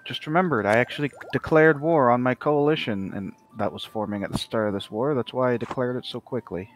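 Guy talking through his strategy game moves out loud, explaining the rules to his friends, easy mid voice. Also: mid-range voice, brisk, slight background noise. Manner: thinks aloud while explaining game mechanics. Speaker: strategy game player and channel host. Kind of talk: casual multiplayer gaming chat.

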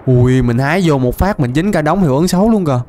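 A young man with a fairly high voice talks his way through a game, chatty and quick to laugh. He repeats words in excited bursts, with music playing softly behind him. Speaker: gaming YouTuber. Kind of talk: casual Minecraft let's-play commentary.

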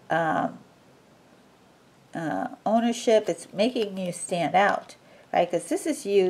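A woman's voice: lowish voice, gravelly, a little mellow. A woman giving a casual tarot reading, talking in a rambling way with many fillers and restarts. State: sneezing from allergies. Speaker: tarot reader.

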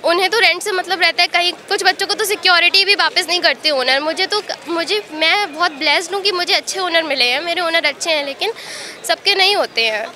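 A woman's voice: very high-pitched, brisk, sharp tone, a faint crowd. A young woman from Uttar Pradesh, a student at a protest, talking earnestly in a street interview into a reporter's handheld mic outdoors. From Uttar Pradesh, India. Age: young adult. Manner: earnest, mixes English words into Hindi. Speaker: civil service exam student at a protest.

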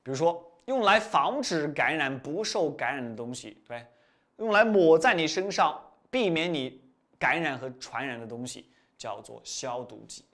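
A man teaching vocabulary in a recorded lesson, explaining word roots with lively repetition, often rising for emphasis and letting phrase endings trail off. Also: fairly high pitch, normal speed.

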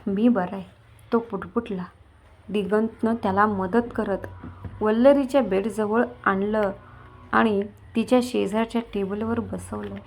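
A woman reads a dramatic story aloud in the first person, shaping each scene with expressive storytelling. Her voice sits at a middle pitch. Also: unhurried, creaky. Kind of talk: narrated dramatic story reading.

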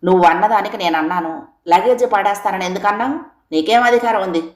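A woman's voice: medium pitch, quick pace, natural voice. A woman voicing a stubborn older man who answers firmly and sharply, in an echoey room. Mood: defiant. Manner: firm, retorting, matching anger.

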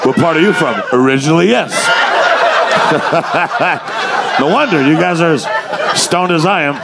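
On a club stage with a handheld mic, a stand-up comic trades brash, profane, mocking jabs with the audience. He is a middle-aged man from New York with a New York accent, and his fairly high voice is a bit slow and creaky, set against loud room noise and a roaring crowd.

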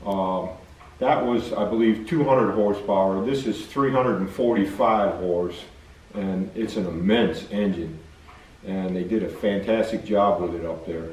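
Older male shop owner, low voice, hesitant, lots of uh's; roomy workshop, camera at a distance. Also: a little mellow. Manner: halting, many uh fillers, easygoing. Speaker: machine shop owner and video host. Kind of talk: casual talk to camera. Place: large old machine shop, indoors. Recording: roomy shop sound, away from mic.

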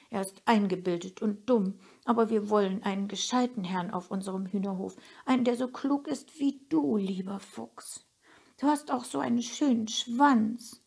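A clever little hen pleads and flatters in a raised, breathy voice, as a woman reading a storybook puts her on. She talks slowly and sweetly, piling on compliments. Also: a little high, voice pushed up, heavily acted.

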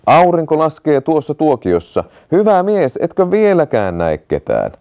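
An impatient young storybook prince calling out eagerly, as a man reads him aloud. The voice sweeps up and down with a lively lilt, and the tone stays dark and mellow under the loud calls. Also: a little high, no room sound, clean studio sound, pitched above the performer's own voice. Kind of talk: storybook reading.

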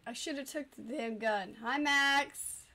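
A woman's voice: sits high, a little slow, pushed and bright. A woman streaming a game, chatting casually and greeting viewers, coughing now and then.

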